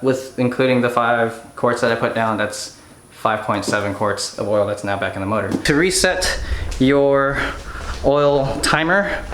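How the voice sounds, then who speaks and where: A man walking viewers through car maintenance in a casual how-to style, chatty and hurried as he works. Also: mid-range voice, fairly bright tone. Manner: hurried, chatty, restarts phrases while working. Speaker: DIY car maintenance vlogger. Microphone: camera-mounted mic. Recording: echoey garage, faint noise.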